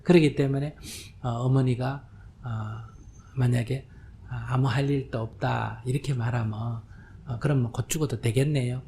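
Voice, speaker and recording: A man's voice: medium pitch, steady tone, normal speed, gravelly, mellow, slight background noise. An older man, a Buddhist monk, giving a conversational question-and-answer dharma talk, often asking listeners whether they understand and acting out quoted voices. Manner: acts out quoted voices, drops to whispers. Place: lecture hall with audience.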